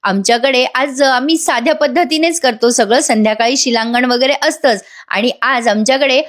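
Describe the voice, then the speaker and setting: A woman with a high voice narrates a voice-over review of a TV serial. She is chatty and keeps turning to her viewers directly. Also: normal speed, fairly bright tone.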